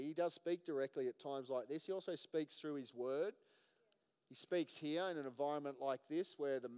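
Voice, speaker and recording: A male pastor with a smooth, resonant, fairly high voice preaches earnestly to his congregation. He drops to near-hushed stretches and then climbs to loud emphatic points. The sound carries a long reverb from the church hall. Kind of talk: sermon. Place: church auditorium.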